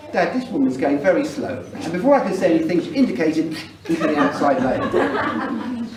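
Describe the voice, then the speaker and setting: A man's voice: fairly high pitch, darkish tone. A middle-aged man with an English accent, giving a humorous wedding speech as father of the bride. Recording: roomy, noisy event recording from far off.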